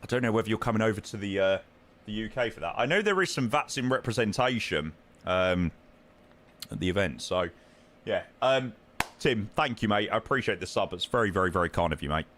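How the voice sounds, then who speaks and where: A man's voice: fairly low pitch, expressive, brisk, fairly bright tone. A British man chatting casually on a flight simulator livestream, informal and matey in manner.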